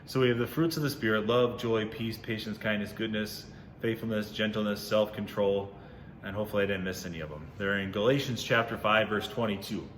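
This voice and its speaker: A man's voice: on the low side, brisk, a bit bright, echoey room, in a large hall, slight background noise. A man leading a casual, upbeat Bible lesson for children on video, chatty and often correcting himself. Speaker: youth ministry teacher.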